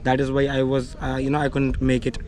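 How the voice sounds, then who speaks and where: A junior cricketer, a young man from Srinagar with a Kashmiri accent, answers an interviewer politely and often tacks on "you know." His voice is medium-pitched, monotone, and slightly dark, a little fast, with clear ambient noise behind him.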